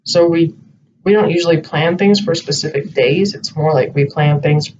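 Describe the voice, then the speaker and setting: A man with a slightly high voice chats casually, wandering through his thoughts with plenty of hesitation. He sits a little back from the mic. The recording sounds dull, with a faint hiss underneath. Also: normal speed, a little mellow. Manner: rambling, hesitant, thinking aloud. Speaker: co-host. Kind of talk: casual chat. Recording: distant muffled home recording with light hiss.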